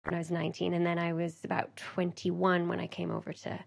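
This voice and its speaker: A woman with a Canadian accent gives casual interview answers, acting out little quotes as she goes. Her voice is on the low side and clearly creaky. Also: monotone, brisk, soft background music. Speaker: ballet dancer, interview guest.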